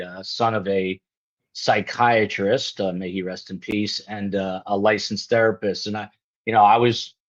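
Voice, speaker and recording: A man hosting a live show, talking casually and rambling with lots of ums and you-knows over a video call. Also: on the low side. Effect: video call audio. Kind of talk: casual panel chat on a live stream. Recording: dull lo-fi video call line.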